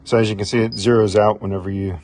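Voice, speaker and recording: A man's voice: fairly low pitch, fast talker, a little hiss or hum. A middle-aged man in his garage, casually demonstrating a homemade test tool with many fillers. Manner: relaxed, rambling, filler-heavy. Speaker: HVAC technician demonstrating a tool. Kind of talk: casual workshop demo. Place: home garage workbench, indoors. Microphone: camera mic, speaker off-frame behind camera.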